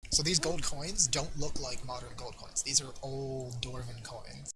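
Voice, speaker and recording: A man's voice: medium pitch, steady tone, a little slow, a crowd in the background, low-quality recording. A man running a tabletop game as dungeon master, casually explaining rules and loot at length.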